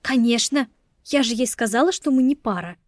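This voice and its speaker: A woman voicing a playful lively young woman. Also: on the high side, no echo, clean studio sound, natural voice. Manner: lively, playful, quick to worry.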